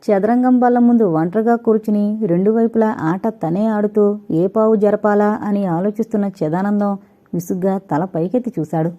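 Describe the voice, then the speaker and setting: Female audiobook narrator, mellow dark tone, dull lo-fi recording, steady dramatic reading. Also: medium pitch, moderate pace.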